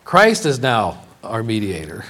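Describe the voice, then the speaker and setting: Guy teaching a bible study, casual, keeps asking okay? right?, reads verses slowly. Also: lowish voice, huge pitch swings, sharp tone. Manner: conversational, checks in with "okay?" and "right?"; frequent fillers and restarts, slows to read scripture.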